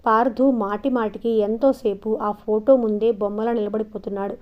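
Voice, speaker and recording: A woman narrates a novel in a steady, expressive storytelling voice that sits a little high. The recording sounds dull and lo-fi. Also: normal speed. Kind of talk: audiobook narration.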